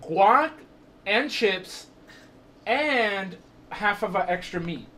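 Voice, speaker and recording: Jokey higher-voiced man on a podcast. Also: animated, very slow, sharp tone. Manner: jokey, wry asides. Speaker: podcast co-host. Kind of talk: casual gaming podcast chat.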